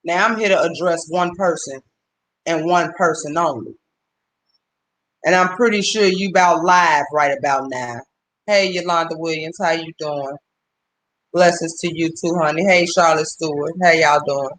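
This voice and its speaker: A man with a high voice holds an angry livestream rant, swearing freely. He keeps breaking off to greet his viewers by name before going back to his complaint. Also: moderate pace, a bit bright. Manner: profane, heated, stops to greet viewers. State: upset.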